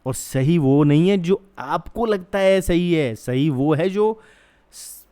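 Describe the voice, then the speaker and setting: A man's voice: on the high side, expressive, slow pace, warm tone, clear, resonant tone. A young man giving opinion commentary in an earnest, argumentative way, stopping often with fillers and restarts. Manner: acts out soothing quoted voices. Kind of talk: opinion commentary on a news case.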